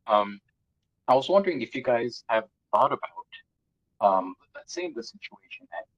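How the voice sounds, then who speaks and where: A man asking a question over an online call whose audio keeps cutting out, speaking in a halting, hesitant way. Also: medium pitch, sing-song, creaky, no room sound. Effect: choppy online call audio cutting out. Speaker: remote audience member asking a question. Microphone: video call. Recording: dull muffled remote call line.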